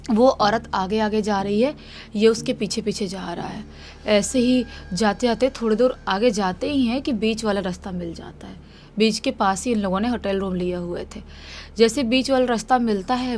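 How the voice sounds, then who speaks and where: A woman's voice: medium pitch, darkish tone, slight background noise. A woman narrating a horror story in a loose, conversational way, often repeating herself. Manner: loose, repetitive spoken retelling.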